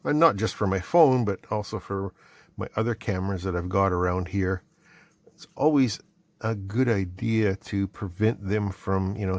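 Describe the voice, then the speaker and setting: Opening and testing things that came in his mail, a middle-aged man from Canada keeps up a casual running commentary, thinking out loud. The unboxing chat is recorded dry, and his voice is lowish.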